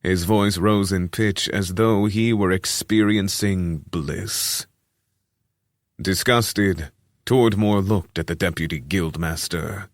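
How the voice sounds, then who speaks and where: A man narrating an audiobook in a steady, measured way. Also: deep voice, no echo, clean studio sound.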